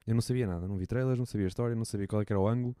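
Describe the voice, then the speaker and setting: A man's voice: on the low side, rapid-fire, warm tone, no room sound, studio quality. A young man with a European Portuguese accent co-hosting a podcast, teasing bluntly in casual chat. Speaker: podcast co-host.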